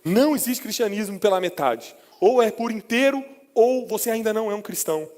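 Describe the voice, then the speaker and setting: Man, Brazilian accent, pastor, sermon, impassioned, high-pitched, long hall reverb. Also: lively intonation, brisk. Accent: Brazilian Portuguese. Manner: impassioned, swings from low hushed lines to raised emotional peaks. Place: church hall.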